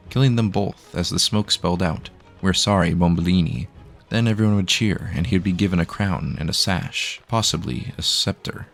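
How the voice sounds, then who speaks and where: Deep, gravelly male storyteller. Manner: dry, wry delivery. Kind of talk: calm storybook narration.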